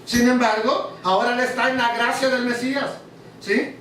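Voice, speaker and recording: A man's voice: extremely high pitch, flat delivery, normal speed, fairly bright tone, slight background noise. A man teaching a sermon to a congregation, often asking the audience questions. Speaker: preacher. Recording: very echoey hall, mic far off.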